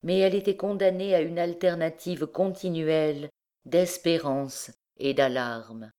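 A woman narrating a classic novel as an audiobook in a measured, even way. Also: deep voice. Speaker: audiobook reader.

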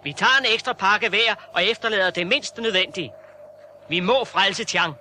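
A man's voice: high voice, pushed and bright. An actor playing a brave, determined young reporter who talks to his dog, in a radio play. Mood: urgent. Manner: earnest, calling out to his dog. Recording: noisy old radio-play recording.

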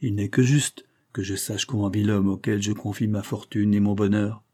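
A man's voice: on the low side, level tone, normal speed, close to an everyday voice. A man doing an indignant old-school banker. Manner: forceful, raised and vibrant voice. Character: indignant middle-aged male banker, stern and pleading.

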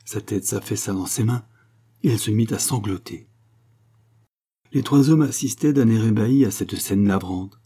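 Low, mellow male audiobook narrator. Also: normal speed, long pauses, husky.

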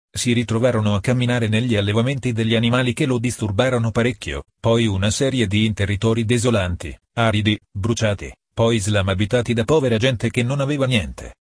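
A man reading a story aloud as an audiobook narrator, in a measured way that slows for emphasis. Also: fairly low pitch, slightly rough, dry recording, studio quality.

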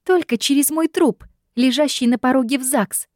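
A woman voicing a feisty young female secretary who protests in shrill outbursts. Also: moderate pace, darkish tone, no room sound, studio quality, lightly acted. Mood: protesting.

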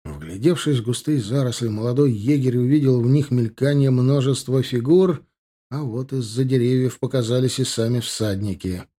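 A man narrating an audiobook in a steady, measured storytelling manner. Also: medium pitch, breathy edge. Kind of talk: scripted narration.

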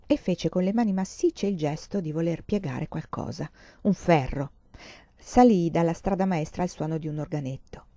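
A woman reading a novel aloud in a calm, measured storytelling manner with gentle emphasis. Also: fairly low pitch, dry recording. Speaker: audiobook reader.

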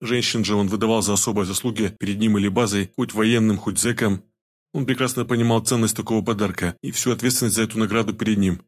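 A man narrating a gritty audiobook in a steady storytelling voice with street slang. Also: fairly low pitch, fast talker. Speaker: audiobook reader. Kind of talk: scripted narration.

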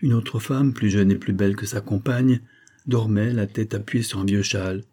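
A man reading a classic novel aloud as audiobook narrator, steady and measured. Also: lowish voice. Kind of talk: scripted narration.

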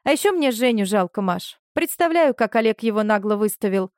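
A woman's voice: medium pitch, brisk, no echo, studio quality, close to an everyday voice. A woman voicing a chatty female friend talking on the phone. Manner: lively, gossipy.

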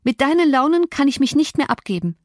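A sharp-tongued young woman from an audiobook scolds with impatient indignation, as the woman reading puts her on. Her voice sits a little higher than the reader's own, with an animated lift. The sound is close and dry. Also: fast talker, no room sound. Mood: demanding.

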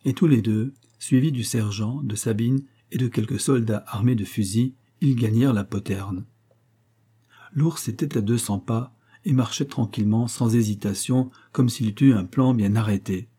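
A man narrating a classic novel as an audiobook with steady, even-paced narration. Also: medium pitch, moderate pace, breathy edge. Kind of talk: classic novel read aloud.

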